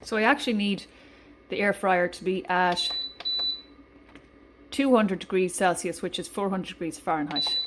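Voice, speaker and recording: A woman's voice: on the low side, normal speed, long pauses, noisy background. A woman hosting a home cooking video, chatting casually and thinking aloud as she cooks in her kitchen. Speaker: home cooking channel host.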